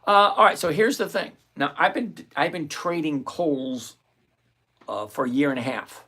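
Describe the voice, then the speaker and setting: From a home desk crowded with screens, a man hosts a live stream, talking through his options trades out loud and reading chat aloud as he answers viewers by name in a chatty way. His voice runs a little high at a moderate pace.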